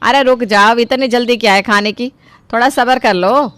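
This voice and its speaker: A woman's voice: on the high side, normal speed, fairly bright tone, clean tone, no echo, close to an everyday voice. A woman playing a stubborn bossy grandmother. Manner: commanding and scolding. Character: doting, stubborn old grandmother ruling the house. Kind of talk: voiced storybook character.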